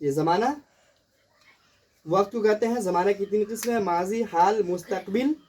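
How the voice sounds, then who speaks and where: Teacher, husky voice, classroom grammar lesson, repeats terms, quizzes the class. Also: mid-range voice, moderate pace, a little mellow, recorded from a distance. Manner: repeats terms and asks questions for students to answer.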